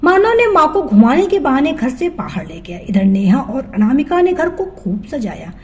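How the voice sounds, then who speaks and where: A woman telling a family story as scripted narration, in an expressive storytelling manner. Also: high voice, moderate pace, slight background noise.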